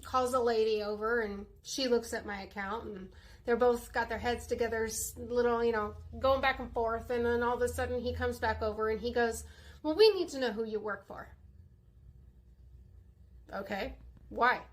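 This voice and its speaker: A woman's voice: fairly high pitch, level tone, normal speed. A woman telling a story to camera in a wry, matter-of-fact way.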